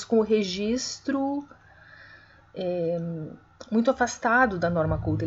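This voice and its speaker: A woman teaching an online literature class, explaining slowly, with many fillers and corrections. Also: medium pitch, slightly rough, dull audio. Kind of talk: online lecture.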